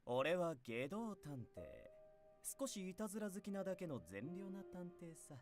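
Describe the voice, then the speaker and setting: Sly creepy playful detective guy, theatrical drawl, swingy pitch, game music loud behind. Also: lively intonation. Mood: smug teasing. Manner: theatrical, slow teasing drawl. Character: sly, mischievous male detective with a sinister, playful streak. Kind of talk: Japanese video game voice acting.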